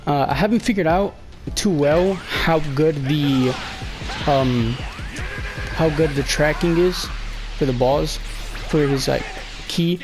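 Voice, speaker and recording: Music plays in the background as a young man talks slowly in a higher-pitched voice, giving a casual walkthrough of a game. He's slightly ill and his voice is going, so his rambling commentary is hesitant and packed with fillers.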